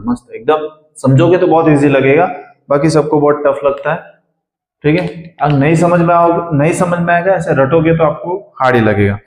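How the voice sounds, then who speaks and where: This man's voice sits fairly high with a somewhat dark tone. He tutors students in a blackboard-style maths lesson, asking questions and then answering them himself, and the classroom gives off a roomy echo.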